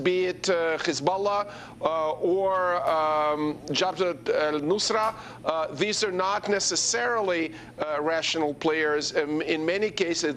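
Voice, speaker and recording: High-pitched man weighing in on a panel. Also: fairly bright tone. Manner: hesitant, with frequent fillers. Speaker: panel guest analyst. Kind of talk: televised panel debate.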